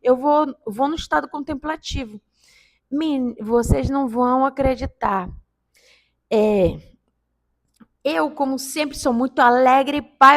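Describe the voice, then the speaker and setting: A woman in her fifties telling a personal story to camera in a casual, animated way, with sudden interjections. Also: high-pitched. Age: 50s. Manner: animated and excitable, with sound-effect interjections. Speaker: vlogger telling a paranormal story.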